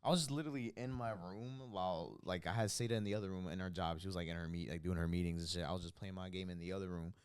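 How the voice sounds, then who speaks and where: A man's voice: sits low, fast talker, hardly any pauses, smooth. A man with a New Jersey accent telling a story in casual, swear-heavy chat with friends. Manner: animated storytelling, swears a lot. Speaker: podcast co-host.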